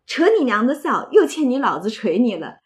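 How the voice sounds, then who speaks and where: A woman voicing an indulgent middle-aged noble mother, amused and gently scolding. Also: a little high, big pitch swings, a little fast.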